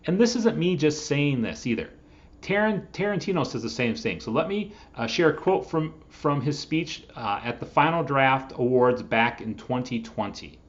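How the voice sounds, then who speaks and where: A man with a medium-pitched voice and lively intonation hosts a scripted explainer video for a screenwriting software channel, speaking at a moderate pace. He addresses viewers directly and poses rhetorical questions. The recording sounds dull and lo-fi.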